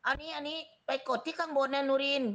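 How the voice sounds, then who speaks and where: A woman's voice: sits high, level tone, fast talker, crowd noise. A woman acting as class admin on a video call, calling on students politely and giving step-by-step instructions.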